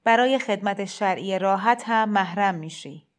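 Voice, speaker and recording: A woman voicing a gentle, persuasive male shrine cleric in a storybook reading, speaking in a heavy, soft, kindly insistent way. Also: mid-range voice, natural voice. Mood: coaxing.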